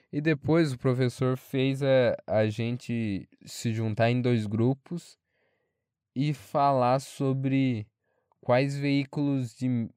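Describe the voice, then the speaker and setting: Rapaz de voz suave e nítida. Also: male voice, medium pitch, warm tone, clean tone, no echo, clean studio sound. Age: young adult. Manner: frank, rambling, swears freely. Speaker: podcast host. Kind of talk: casual solo monologue.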